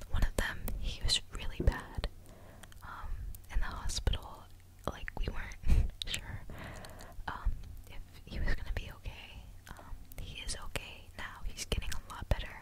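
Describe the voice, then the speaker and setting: Young woman whispering right in your ear. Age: 20s. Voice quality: soft unvoiced whisper. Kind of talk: ASMR whispered personal vlog, casual chat. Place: small dim room at home, indoors. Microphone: desktop condenser microphone very close to the mouth, binaural.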